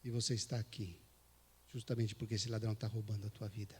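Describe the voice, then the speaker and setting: A man's voice: fairly low pitch, fast talker, husky. A man with a Brazilian Portuguese accent, a missionary preacher telling a story in a church sermon and acting out the dialogue. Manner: animated storyteller, acts out dialogue and scripture reading.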